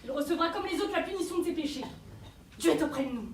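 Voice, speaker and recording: Hammy, shrill pious zealot woman. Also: lively intonation, fast. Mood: righteous indignation. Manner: hammy theatrical stage delivery, declaiming, preachy. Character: self-righteous, unforgiving religious zealot woman, harshly moralizing. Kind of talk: stage play acting. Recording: echoey stage, distant mic, faint noise.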